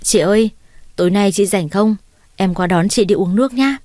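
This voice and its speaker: A woman's voice: mid-range voice, moderate pace, mellow, dry recording, lightly acted. An eager young male doctor in an audio story, polite and keen to please. A woman voices him without changing her voice. The sound is dry and close. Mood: pleading.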